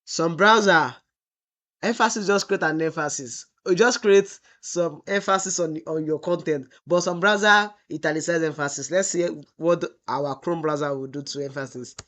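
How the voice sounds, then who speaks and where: A man's voice: on the high side, moderate pace, fairly bright tone. A man teaching web development in a screen-recorded tutorial. He asks the class "what?" and answers himself, and he drawls out the example text while he types. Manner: asks the class rhetorical "what?" questions, then answers them.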